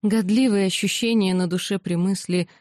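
An audiobook narrator with a mellow, warm tone reads a first-person story at a steady, measured pace. The sound is dry and close, with no room around the voice. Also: medium pitch, no echo. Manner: even, measured reading.

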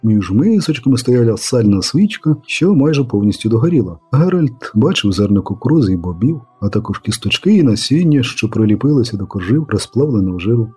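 A man narrating a fantasy story aloud as an audiobook reader, in a steady storytelling manner. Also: medium pitch, fairly quick, few pauses, slightly rough, faint music behind. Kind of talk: scripted narration.

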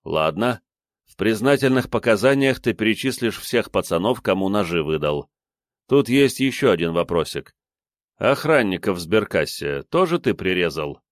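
A man voicing a calm, sly investigator who questions a suspect with ironic, coaxing remarks. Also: fairly low pitch, normal speed, dry recording, clean studio sound. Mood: mocking.

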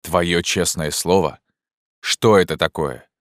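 A man voicing a proud, loyal rebel leader who speaks forcefully and with indignation, in an audiobook reading. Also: sits low, slow, no echo. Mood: insistent.

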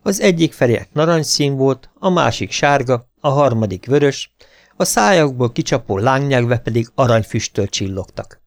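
A man narrating a fantasy audiobook in a steady, measured storytelling manner. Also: mid-range voice, dry recording, studio quality. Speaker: audiobook reader.

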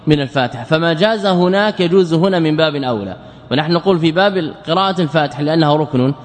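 A man with a somewhat high voice gives a religious law lesson, carefully explaining rules step by step. He keeps asking himself "why?" and answering. His voice rings out with a long hall reverb. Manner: asks rhetorical questions and answers them himself; chants short sample phrases to show errors. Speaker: teacher of Islamic jurisprudence.

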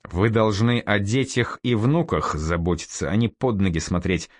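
Brief: a man playing a curt, commanding veteran warrior in an audiobook, low voice, dry close sound. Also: expressive, moderate pace, dry recording, close to an everyday voice. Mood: stern. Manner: sharp, drill-sergeant orders. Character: stern scarred male commander, curt and commanding.

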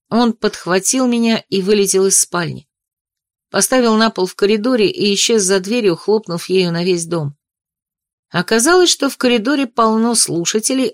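A woman's voice: medium pitch, no echo, studio quality. A woman reading a first-person audiobook, narrating and pleading emotionally as the heroine.

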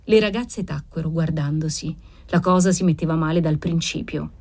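A woman reading a classic novel aloud as an audiobook, measured and expressive. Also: deep voice. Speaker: audiobook narrator.

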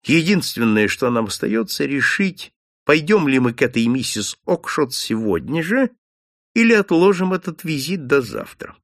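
A man voicing a shrewd, calm detective who speaks softly and kindly, in an audiobook. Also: medium pitch, moderate pace, no room sound, studio quality. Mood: brisk. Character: shrewd male detective, calm and gently confident. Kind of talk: audiobook character voice.

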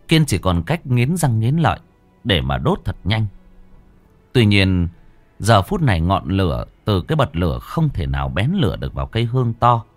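A man narrating a scripted horror story with lively, dramatic delivery. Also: low-pitched, no room sound. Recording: dry close voice, faint music.

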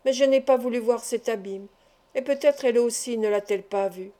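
A woman's voice: on the high side, a little fast, dark tone, close to an everyday voice. A woman voicing an earnest, emotional young man who pleads with an older friend, in a read-aloud novel. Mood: pleading. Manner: emotional, imploring.

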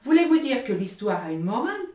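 A woman's voice: a little high, big pitch swings, brisk, mellow, voice pushed up. A woman voicing a grumpy, self-important male water rat who speaks in an indignant, huffy way, in a storybook reading. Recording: roomy echo.

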